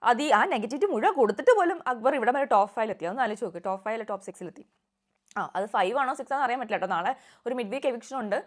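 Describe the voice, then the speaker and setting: Rapid-talking opinionated woman. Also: fairly high pitch, lively intonation. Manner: rapid, opinionated, mixes in English words. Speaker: reality show reviewer. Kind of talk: casual vlog commentary.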